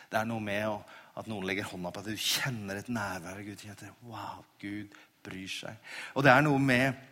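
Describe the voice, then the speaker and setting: A middle-aged man delivers a sermon to his congregation in a relaxed, conversational manner. He often lowers his voice to a hushed near-whisper for intimate points. His voice carries a long reverb from a large church hall. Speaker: pastor.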